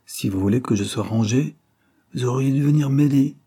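Male reader as a reproachful young man, earnest, dark-toned. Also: medium pitch, normal speed, husky, voice pushed up, close to an everyday voice.

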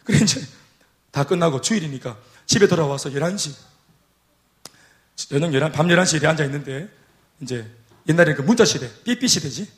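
A male pastor, telling a story in a lively, humorous sermon and acting out what people said. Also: fairly high pitch, a little fast, long pauses. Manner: lively, humorous, acts out quotes. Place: church.

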